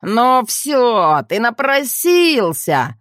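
Lady doing a shrill nasal frog prince, huffy and whiny, dry close sound. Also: sing-song, slow, no echo. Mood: outraged. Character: haughty whiny male frog, a cursed prince.

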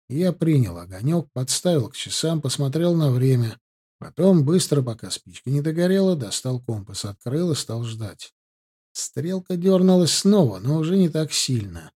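A man narrating an audiobook in the first person, in a measured, steady storytelling manner. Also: medium pitch, slightly rough.

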